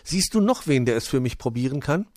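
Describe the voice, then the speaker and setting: A man's voice: mid-range voice, very animated, fairly quick, a little mellow, dry recording, pitched above the performer's own voice, natural voice. A man voicing a skeptical, demanding young female gnome in a storybook reading. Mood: critical. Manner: critical, demanding.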